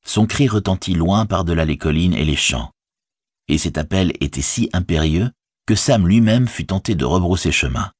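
A man reading a story aloud as an audiobook narrator, with lively storytelling. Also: sits low, breathy edge, no room sound, clean studio sound.

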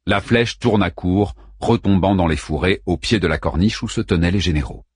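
A man narrating an audiobook in a steady, measured way. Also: low-pitched, breathy edge, dry recording, clean studio sound. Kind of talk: scripted narration.

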